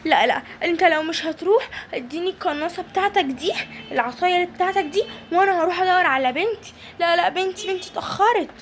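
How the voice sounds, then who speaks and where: A woman's voice: extremely high pitch, quick pace, slight background noise, voice pushed up. A woman with an Egyptian accent voicing a panicked, worried mother in a toy play-acting video, speaking anxiously and fretfully.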